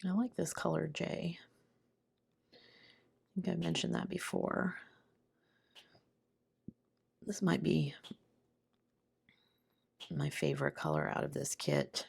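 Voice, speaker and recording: Murmuring to herself as she works, a woman hosting a craft video chats casually in a low, hoarse voice that is giving out from sickness. She is unhurried and takes long pauses.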